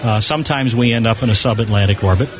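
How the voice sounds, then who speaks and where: At a convention hall exhibition booth, a fast-talking American man with a mid-range voice is interviewed as spokesman for an amateur satellite group. His explanations come across as casual and eager. The crowded convention floor keeps up a steady chatter behind him.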